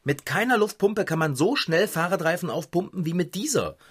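A man playing an indignant, easily riled bicycle mechanic in a children's radio play, with a husky voice. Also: high-pitched, expressive, a little fast. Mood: aggrieved. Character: hot-tempered, stubborn bicycle mechanic man. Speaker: bike shop owner.

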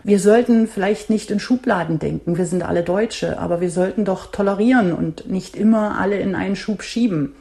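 Warm-voiced woman from Saxony. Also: medium pitch, a little fast, few pauses. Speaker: listener caller.

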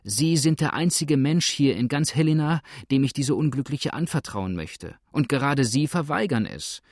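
A man voices an earnest, desperate young boatman, pushing his mid-range voice above his natural pitch. His intonation is lively and his pace moderate as he pleads urgently, recorded dry with studio quality.

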